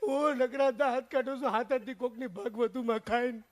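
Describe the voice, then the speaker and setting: A man playing a shrill sobbing village aunt. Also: fairly even intonation, normal speed. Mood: sobbing wail. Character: weepy village aunt, middle-aged woman, melodramatic.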